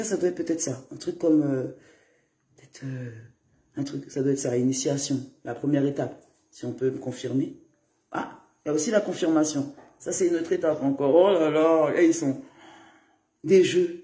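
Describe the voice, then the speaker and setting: A woman's voice: sits low, mellow. Chatty woman streaming in an echoey room. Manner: chatty, swears casually, greets viewers. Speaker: livestream host. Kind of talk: casual livestream commentary. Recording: roomy echo.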